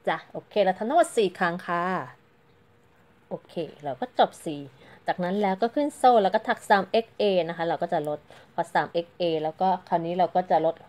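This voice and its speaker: A woman's voice: lowish voice, expressive, brisk, darkish tone. A woman giving a casual, chatty crochet tutorial, counting stitches aloud and explaining each step politely. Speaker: crochet teacher.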